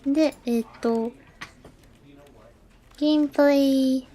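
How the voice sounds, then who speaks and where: A woman with a high, warm voice speaks slowly and in a steady tone. She's a VTuber on stream, chatting casually with many fillers, talking to herself as she gets set up and then voicing translations of the game narration.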